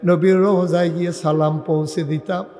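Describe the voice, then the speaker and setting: A man's voice: high-pitched, flat delivery, normal speed. Echoey chanting sermon man. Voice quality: chanting, sing-song delivery with sudden shouts. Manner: acts out voices of the story's figures. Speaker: preacher. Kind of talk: Bengali waz sermon storytelling.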